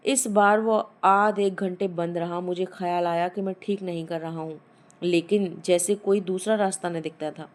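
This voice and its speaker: A woman storyteller reading a Hindi short story aloud in a measured, expressive narration. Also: fairly low pitch.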